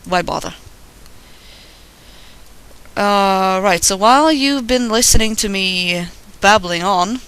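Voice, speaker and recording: This digital artist, a Swedish-accented man, narrates as he draws in a recorded voice-over, rambling casually, self-deprecating, occasionally swearing. He speaks slowly with long pauses, his high-sitting voice sharp yet clear and resonant.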